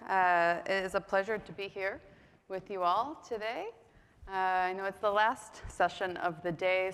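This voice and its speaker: A woman with a smooth, medium-pitched, slightly bright voice moderates a conference panel, introducing the speakers chattily with plenty of ums and self-deprecating asides. She's on a stage mic in a conference hall, and the sound echoes.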